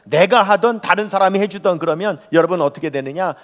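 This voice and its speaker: Man, pastor, lively sermon, high voice, long church reverb. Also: fast. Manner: animated, rising and falling, speaks to the congregation directly. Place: church sanctuary.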